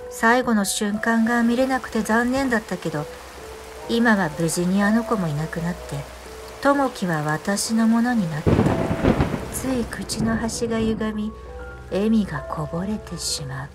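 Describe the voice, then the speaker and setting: A woman reading a scripted first-person ghost story in a hushed, eerie storytelling manner. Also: medium pitch, a little slow. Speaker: horror story narrator. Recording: music and rain under the voice. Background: music, rain.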